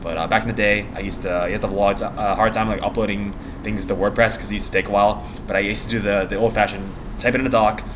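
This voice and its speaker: Young American male vlogger, rapid meandering chatter, giggly and casual, faint noise behind the voice. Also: on the low side, level tone. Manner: meandering, giggly, trails off mid-thought. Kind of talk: casual rambling vlog chat.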